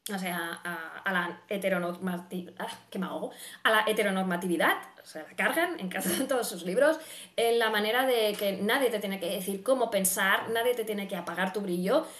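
A woman in her thirties with a Spanish accent from Spain gives a casual, effusive book review, repeating words for emphasis. Her medium-pitched voice has a fairly bright tone and a moderate pace. She records in a small room at home, and the sound is roomy and echoing.

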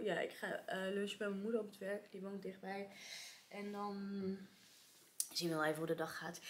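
A woman's voice: medium pitch, slight background noise. A young woman chatting casually in a vlog from her office, telling a story with lots of fillers and sometimes dropping to a whisper. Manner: chatty, many fillers, drops to whispers at times. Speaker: vlogger.

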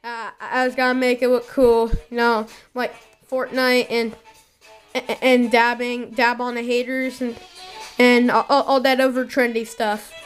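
Excitable young turtle prince played by a woman for a comedy toy-show vlog, high voice, quick stammering rambles. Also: clear, resonant tone, faint music behind, lightly acted. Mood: rambling.

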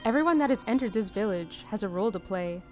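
Woman as a composed cult leader in a game, measured and formal, music underneath. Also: mid-range voice, expressive, natural voice. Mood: solemn, composed. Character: calm, solemn cult leader speaking to a newcomer. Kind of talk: reading game dialogue in character. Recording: music behind the voice.

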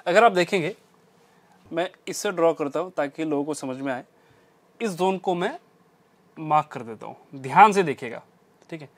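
A trading instructor, slightly high-voiced and animated, teaches a stock trading strategy over a chart at normal speed, leaving long pauses. He's emphatic, underlining his key points and repeating key phrases.

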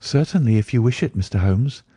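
A man voicing a polite, soft-spoken young woman who quietly goes along with requests. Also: mid-range voice, moderate pace, husky, dry recording, studio quality, voice pushed up, close to an everyday voice.

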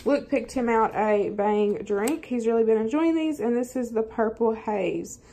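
A woman's voice: fairly high pitch, unhurried, dark tone. A Southern American woman chatting casually through a grocery haul at her kitchen table, saying lots of "um" and "y'all". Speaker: vlogger. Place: home kitchen table, indoors.

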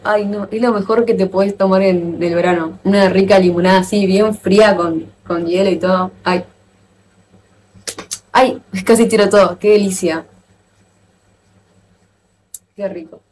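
A woman with an Argentine accent chatting casually with viewers on a live stream, playful and quick to exclaim and laugh. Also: mid-range voice, a little mellow, slight background noise. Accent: Argentine Spanish. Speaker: livestreamer.

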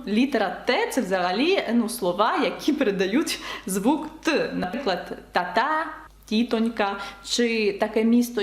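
A woman teaching French in an online lesson, patiently explaining spelling and repeating example words slowly. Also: on the high side, roomy sound.

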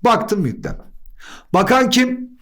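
A male teacher with a high, bouncing voice runs a grammar lesson. He asks a question and answers it himself in quick steps, then slips in joking asides between points. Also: expressive, fairly bright tone. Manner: playful asides. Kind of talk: exam-prep grammar lesson.

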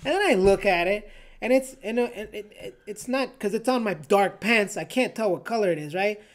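A man, hosting a podcast and telling a story in a casual, animated way, swearing freely and tagging lines with "right?". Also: high-pitched, brisk. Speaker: podcast host.

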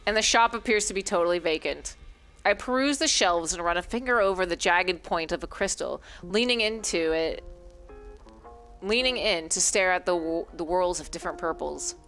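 Woman streamer reading a game out loud, crude jokes, lowish bright voice. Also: moderate pace, faint music behind. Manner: animated, crude joking. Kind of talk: reading a game aloud with commentary.

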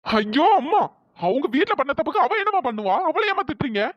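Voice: sits high, very animated, brisk, dry recording. A performer voicing an earnest young man in a cartoon, protesting urgently to his mother. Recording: dull lo-fi dry sound.

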